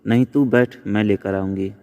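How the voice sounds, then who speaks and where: A man's voice: lowish voice, fairly even intonation, normal speed, warm tone, natural voice. A man voicing a feisty, bold young woman who talks brashly and scolds. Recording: long reverb.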